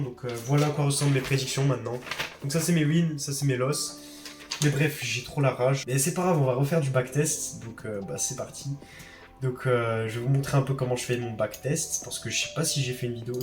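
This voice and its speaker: A man's voice: mid-range voice, reverberant. A nineteen-year-old man, rambling casually and self-deprecatingly as he backtests trading charts. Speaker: trading vlogger.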